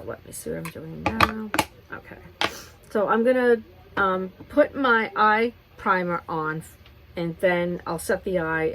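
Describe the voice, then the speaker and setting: Woman doing a grwm storytime, chatty and rambling, gets animated, talks while putting on makeup. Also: on the low side, low-quality recording. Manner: rambling, animated retelling with restarts. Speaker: beauty vlogger. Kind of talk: chatty get-ready-with-me storytime.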